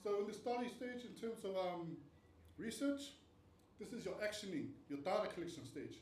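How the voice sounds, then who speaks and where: In a panel venue room, captured on a distant mic with roomy sound and faint noise, a Tonga-raised man lectures earnestly on research stages for an academic panel, explaining and frequently asking rhetorical questions. He speaks at a normal speed in a high, darkish voice with big pitch swings.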